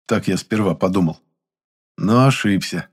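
A man's voice: low-pitched, normal speed, breathy edge. A man narrating an audiobook in the first person with a wry, ironic tone.

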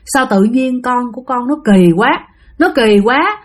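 A woman voicing an anxious elderly mother-in-law who pleads softly, in a spoken ghost story. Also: a little high, expressive, measured pace. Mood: praying.

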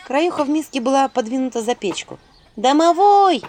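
A woman narrating a fantasy story in the first person, in a lively, wry manner. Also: fairly high pitch, brisk, noisy background.

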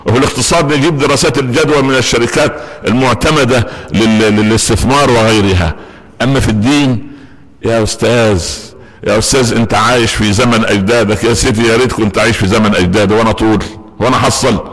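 Fast-talking Egyptian preacher in a reverberant hall. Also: male voice, mid-range voice, fairly bright tone, breathy edge. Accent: Egyptian Arabic. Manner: humorous, conversational, with asides to the congregation. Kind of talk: Friday sermon with storytelling. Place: mosque.

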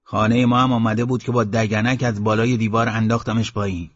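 A man's voice: lowish voice, little pitch movement, breathy edge. A man voicing an alarmed, urgent male villager, on a dull lo-fi audiobook recording.

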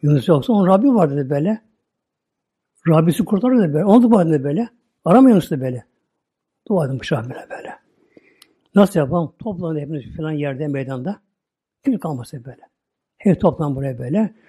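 Turkish male preacher telling a sacred story; quick, slightly raised pitch, husky. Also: expressive, warm tone. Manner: retells a story with constant repetition of filler words. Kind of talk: religious storytelling talk.

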